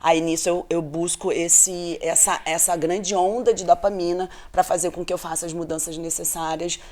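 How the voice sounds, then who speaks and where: A woman's voice: on the low side, moderate pace. A middle-aged woman physician, telling her story in a casual interview and often tagging her sentences with "né?". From Brazil, Rio de Janeiro state. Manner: animated storyteller, frequent "né?" tag questions. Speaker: physician guest.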